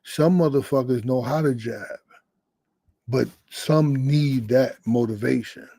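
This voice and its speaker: A man's voice: mid-range voice, takes it slowly, dark tone, slightly rough, no echo, rough recording. A middle-aged man, a boxing head trainer, answering interview questions in a loose, candid way and swearing now and then.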